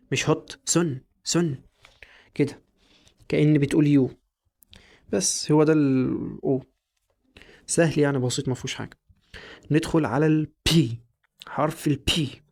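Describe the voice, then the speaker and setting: A young man with an Egyptian Arabic accent teaching English pronunciation in a casual lesson, repeating each sound slowly several times. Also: a little high, creaky, darkish tone.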